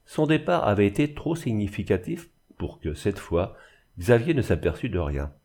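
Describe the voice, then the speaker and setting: A man giving a measured, expressive scripted narration of a classic novel as an audiobook reader. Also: fairly low pitch.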